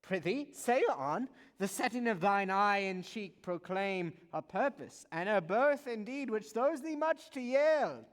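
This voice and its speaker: A woman playing a sardonic, indolent nobleman in Shakespearean stage style, with theatrical, wry, deliberate delivery. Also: mid-range voice, lively intonation, natural voice. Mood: wry, teasing. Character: sardonic, indolent nobleman, slowly drawn into a plot. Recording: echoey stage hall with long reverb.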